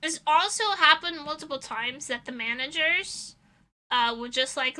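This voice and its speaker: High-pitched and sharp, this young woman streams as a VTuber, rambling through casual, giggly stories for her audience in a relaxed livestream chat.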